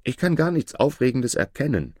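Timid, frightened boy, as a man puts him on, voice pushed up from a deep base, storybook reading. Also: lively intonation, slow, mellow, dry recording, studio quality. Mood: anxious.

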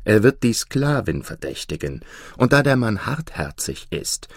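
Stern old vagabond mentor, slow and deep, dry sound, voiced by a man narrator. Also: sing-song, breathy edge, no echo, heavily acted. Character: stern old male vagabond master thief.

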